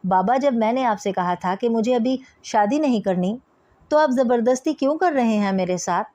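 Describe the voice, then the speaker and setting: A woman's voice: a little high, animated, moderate pace, warm tone, no echo, voice pushed up, natural voice. A woman reading the part of a young woman who protests, distressed and indignant, against a marriage forced on her. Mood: pleading.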